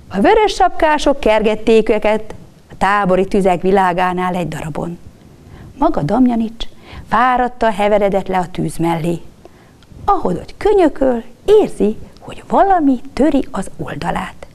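A woman reading a storybook tale aloud in an expressive way, sometimes dropping to a whisper. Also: medium pitch.

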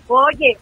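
A woman's voice: high-pitched, sharp tone. An older woman, a guest calling into a talk show by phone. She sounds faint and far off, and she talks affectionately, full of endearments. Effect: phone call, heard faintly as if from far off. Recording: distant phone line.

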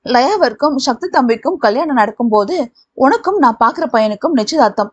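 A woman's voice: sits high, animated, fairly quick, slightly rough, highs cut off. A woman voicing a stern middle-aged mother who speaks firmly.

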